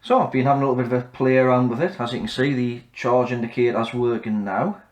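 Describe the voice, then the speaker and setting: Man calmly talking through a repair. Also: medium pitch, fast talker. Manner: relaxed, matter-of-fact, does spoken mic checks. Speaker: host of a repair channel. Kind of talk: casual repair walkthrough.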